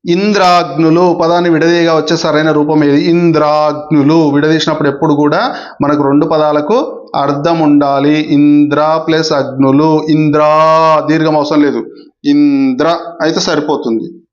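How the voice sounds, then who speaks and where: A man's voice: fairly high pitch, flat delivery, normal speed. Man teaching grammar, muffled sound. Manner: repetitive, asks "okay?" often. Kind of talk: exam-prep grammar lesson.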